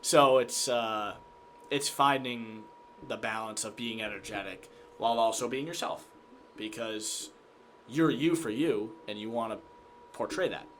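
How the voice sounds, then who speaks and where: A young American TV sports reporter and anchor is an interview guest, chatting casually and energetically and often acting out his own thoughts by quoting himself. His mid-range voice moves a little slowly. There's a little hiss or hum in the recording.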